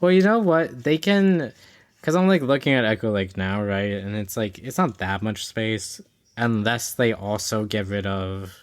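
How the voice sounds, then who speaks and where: A man's voice: fairly low pitch, steady tone, a little slow, dry recording. A man co-hosting a casual chat, laid-back and full of hedges. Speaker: podcast co-host.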